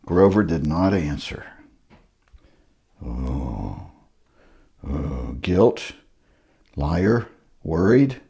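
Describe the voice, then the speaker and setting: A man's voice: very deep voice, sing-song, extremely slow, vocal fry, pauses often, dark tone, breathy edge. An older man reading a storybook aloud to children, with wry joking asides between the lines.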